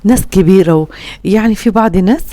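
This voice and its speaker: A woman's voice: mid-range voice, quick pace, warm tone, no room sound. A woman from Upper Egypt with an Upper Egyptian Arabic accent, chatting earnestly with viewers as a home vlogger and giving heartfelt advice full of pious phrases.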